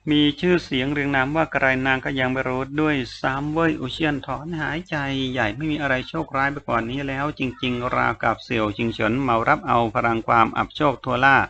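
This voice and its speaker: A man narrating a novel in a steady, even storytelling manner. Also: mid-range voice, fast, gravelly, few pauses, highs cut off, a little hiss or hum. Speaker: audiobook narrator.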